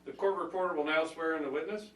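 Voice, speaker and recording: A man with a slightly high voice reads a formal videographer's announcement. His delivery is flat and procedural. He sounds distant in an echoey room. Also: fast talker, slight background noise. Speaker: legal videographer. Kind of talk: formal scripted deposition announcement.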